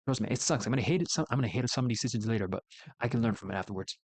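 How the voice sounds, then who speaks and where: A man's voice: mid-range voice, very fast, no echo. A man streaming solo, casually thinking aloud in a rambling, opinionated way and often correcting himself mid-sentence. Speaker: VTuber streamer.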